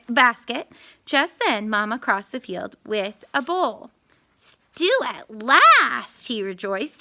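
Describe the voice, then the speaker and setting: A woman reading a children's storybook aloud, expressive, with little asides and corrections. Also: medium pitch.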